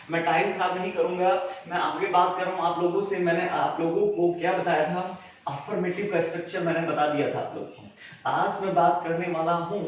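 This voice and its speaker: A man teaching an English grammar lesson, who explains by repeating himself and asking the students questions. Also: high-pitched. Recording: very echoey room, faint background noise.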